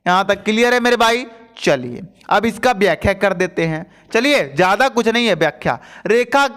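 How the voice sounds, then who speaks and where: High-voiced male Hindi tutor. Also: a bit bright, smooth. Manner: chatty, addresses students as bhaiya, repeats "theek hai" often. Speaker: teacher. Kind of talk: exam-prep lesson explaining Hindi poetry.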